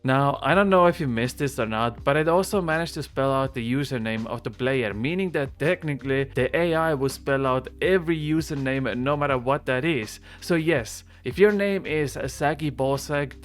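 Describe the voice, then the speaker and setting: Male gaming host, enthusiastic, conversational narration, medium pitch, music bed. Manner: enthusiastic, emphatic. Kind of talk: scripted YouTube narration, conversational. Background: background music.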